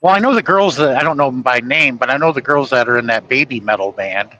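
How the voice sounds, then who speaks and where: A man's voice: medium pitch, fast talker, bright, forceful tone, lo-fi sound. A man hosting a podcast, telling stories and insisting on his point in a rambling casual chat. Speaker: podcast host.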